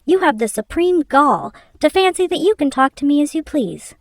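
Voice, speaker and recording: A woman's voice: sits high, animated, moderate pace, no room sound, pitched above the performer's own voice. A woman reading aloud, voicing a bold young man who lectures and commands his elderly employer. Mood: defiant.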